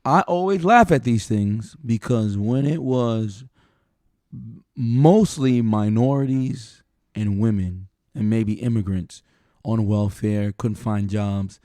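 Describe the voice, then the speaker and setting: A middle-aged man co-hosting a podcast, chatting casually and with opinions, laughing often and thinking out loud with restarts. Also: lowish voice, takes it slowly, no echo, studio quality. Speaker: podcast co-host.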